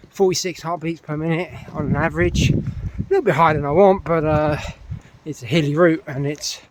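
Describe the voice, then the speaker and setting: A middle-aged man with a British accent, a little out of breath after a run, chatting casually to camera and rambling with lots of fillers and restarts. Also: fairly high pitch. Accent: British English. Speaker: running vlogger.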